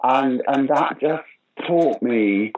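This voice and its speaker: Background noise accompanies this casual interview with a British actor and director in his sixties, who talks slowly in a medium-pitched voice. He relates stories from his acting career with animation, often starting over and doing the voices of people he quotes.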